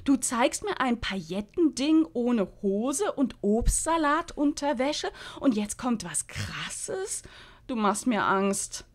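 A woman's voice: on the high side, very animated, slow, voice pushed up. A woman reading the lines of an almost forty-year-old woman with dry, exasperated retorts.

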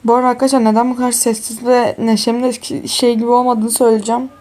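In this casual walkthrough, a gaming YouTuber speaks quickly in a slightly high, dark-toned voice with level delivery. She's a weary young woman who exclaims as she plays a life-sim game and treats her audience as friends.

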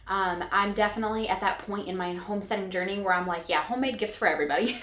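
A woman's voice: mid-range voice, a bit bright. A young woman talking through a recipe in her home kitchen, chatty and thinking aloud as she cooks. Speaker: homestead cooking vlogger. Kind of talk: casual cooking tutorial. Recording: echoey kitchen.

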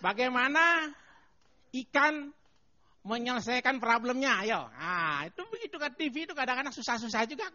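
An older man performing a stand-up comedy routine on a TV studio stage into a handheld mic, animated and chanting mock announcements. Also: extremely high pitch, moderate pace. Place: TV studio stage with live audience. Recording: dull lo-fi TV broadcast.

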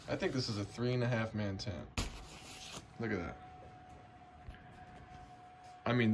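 A young man talks casually to his phone camera while showing off gear in his basement. His voice sits at an ordinary middle pitch, and his delivery is easygoing and conversational. A faint background hiss of room noise sits under the close recording. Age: young adult. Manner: relaxed, chatty, talks to the camera and his dog. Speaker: outdoor gear vlogger. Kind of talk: casual vlog walkthrough. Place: home basement room, indoors. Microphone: phone camera held close.

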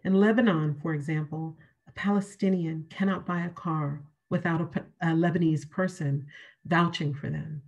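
A middle-aged woman with a husky, slightly low voice delivers a prepared keynote lecture. She speaks in a measured way, leaning on repeated key phrases for emphasis. She is heard through a webcam on a video call from a room at home. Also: fairly even intonation, highs cut off.

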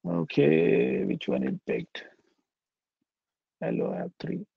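Young man, gravelly, thinking-aloud software demo, dry dull video call audio. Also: very deep voice, wildly swooping pitch, takes it slowly, no echo. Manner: casual, thinking aloud with fillers like "right?" and "this guy". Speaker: meetup presenter. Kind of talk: live software demo with screen share. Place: indoor room.

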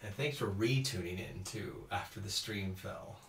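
In a small indoor room at home, a thirtysomething cello teacher from Houston, Texas answers questions on a casual live stream, reading comments and laughing frequently. His fairly low, fairly bright voice moves at a moderate pace, with roomy echo and a little hiss or hum.

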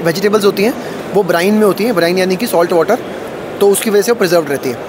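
At a crowded indoor expo stall, a high-voiced man in his thirties speaks rapid-fire into the interviewer's handheld mic, explaining his food company's products. The hall around them is noisy.

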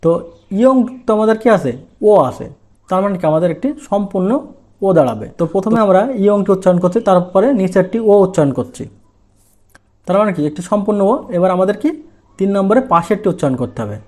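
A man's voice: high-pitched, expressive, quick pace, darkish tone. A man teaching a language lesson, explaining step by step and often asking a question and then answering it himself. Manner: asks and answers his own questions.

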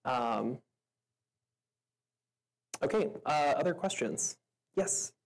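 A woman's voice: very deep voice, animated, very slow, a little hiss or hum, rough recording. A woman answering audience questions at a meetup in a casual, chatty way, with lots of fillers. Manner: chatty, filler-heavy, laughs often. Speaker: meetup speaker. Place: stage in a venue with an audience.

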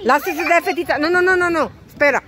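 A woman's voice: very high-pitched, a crowd in the background. A young mother at an outdoor playground, coaxing and cheering on her children, switching between two languages.

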